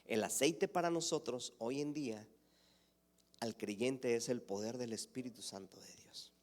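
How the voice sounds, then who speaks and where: A male pastor preaching a sermon, asking the congregation questions and swinging between emphatic raised lines and hushed near-whispers. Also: mid-range voice, measured pace.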